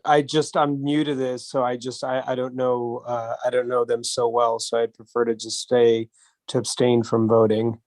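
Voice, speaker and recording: A man, a commission member, speaking over a video call at a public meeting, halting and hesitant. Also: medium pitch, level tone, darkish tone. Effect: heard over a video call.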